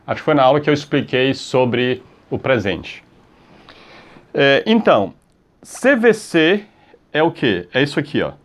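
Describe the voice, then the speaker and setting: A man's voice: medium pitch, very animated. A Brazilian man teaching an English grammar lesson. He stretches out the example words and keeps checking in with the class between steps. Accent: Brazilian Portuguese. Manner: drawn-out model words, repeated checks like "tá?" and "ok?". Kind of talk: explaining grammar rules on a video lesson.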